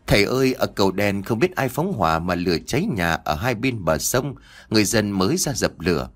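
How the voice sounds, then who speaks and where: A man voicing an alarmed male monk who rushes in to call out urgent news, in an audio story. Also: on the low side, sing-song.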